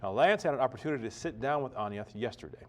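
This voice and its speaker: A man's voice: medium pitch, expressive, very fast. Formal male ceremony emcee. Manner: formal, reads sponsor list. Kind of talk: prayer and event hosting.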